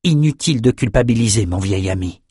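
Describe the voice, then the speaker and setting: A man reading an audiobook voices a calm, resolute young male champion swordsman who speaks in a grave, steady way. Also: on the low side, a little fast, breathy edge, dry recording, studio quality.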